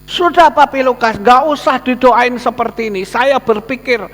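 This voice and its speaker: A man voicing a despairing, gravely ill middle-aged man who pleads hopelessly. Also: extremely high pitch, normal speed, voice pushed up. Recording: long hall reverb.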